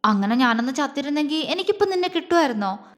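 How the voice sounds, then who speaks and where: A soft, pleading, lovesick young wife from a romance audio story, as a woman reads her. The high voice carries a long hall reverb. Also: lively intonation, fast.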